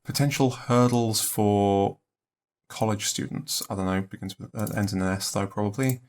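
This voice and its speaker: A young man thinking aloud in a let's play, musing and unhurried, trailing off into half-spoken guesses. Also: on the low side, a little mellow. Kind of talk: thinking-aloud puzzle commentary.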